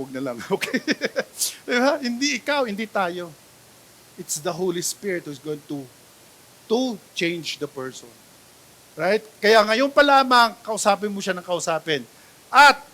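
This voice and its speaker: Animated high-voiced Filipino pastor preaching. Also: male voice. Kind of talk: sermon, Taglish preaching. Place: church sanctuary.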